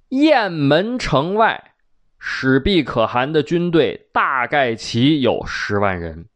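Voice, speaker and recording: A man with a Beijing accent telling old folk legends, chatty and addressing his listeners directly with colloquial asides. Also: medium pitch. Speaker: storyteller. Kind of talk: folk-tale storytelling to listeners.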